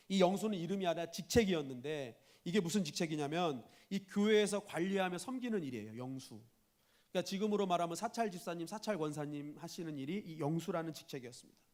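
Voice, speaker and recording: Male pastor, church sermon, somewhat high-pitched, builds to loud emphatic peaks. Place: church sanctuary.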